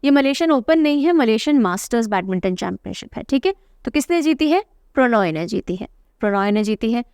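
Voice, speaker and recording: High-voiced chatty woman teacher. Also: lively intonation, a little fast, a little mellow, smooth, no room sound, clean studio sound. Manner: chatty, teasing, repeats key names. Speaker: current affairs teacher. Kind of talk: exam-prep lesson.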